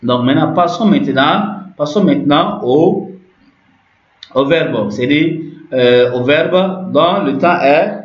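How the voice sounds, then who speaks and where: A man's voice: fairly high pitch, slow. A man teaching a grammar lesson, explaining step by step, repeating terms and often checking that listeners follow. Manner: repetitive, checks understanding with frequent "ok". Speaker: language teacher. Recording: echoey, dull lo-fi room recording.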